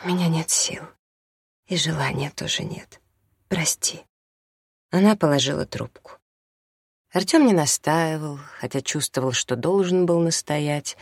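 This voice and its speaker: An audiobook narrator reading prose fiction in a calm, measured way. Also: medium pitch, dry recording, clean studio sound. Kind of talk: scripted narration.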